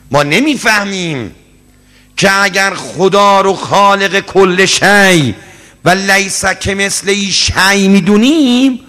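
A man preaching a sermon to young listeners, telling a story and acting out the voices in it, swinging between loud high peaks and low murmurs. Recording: long hall reverb.

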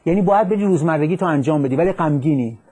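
Man, psychologist, radio call-in counseling, calm and instructive, quotes verse, husky, a bit high-pitched.

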